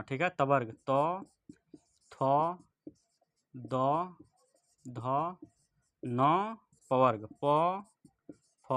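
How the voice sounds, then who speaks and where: A man teaching a grammar lesson at a board, speaking slowly and repeating each point and checking in with the class often. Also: on the high side, a bit bright, no echo.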